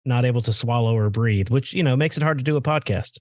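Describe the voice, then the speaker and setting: A man's voice: medium pitch, fast, darkish tone, no echo, clean studio sound. A man co-hosting a sports podcast, sounding congested after a cold and chatting casually. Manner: chatty, rambling. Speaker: podcast co-host. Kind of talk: casual chat.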